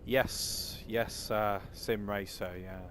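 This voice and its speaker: A man with a Cornish accent and a fairly low voice chats casually over gameplay. He rambles in an easygoing way and often repeats his words. Vehicle noise is clearly audible behind him. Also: steady tone, slow pace, a bit bright. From Cornwall, southwest England. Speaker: game livestreamer chatting with viewers.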